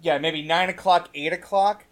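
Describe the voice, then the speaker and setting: A man's voice: fairly high pitch, fairly even intonation, moderate pace, fairly bright tone. A man chatting casually about a film scene, rambling with many restarts and fillers. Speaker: podcast co-host.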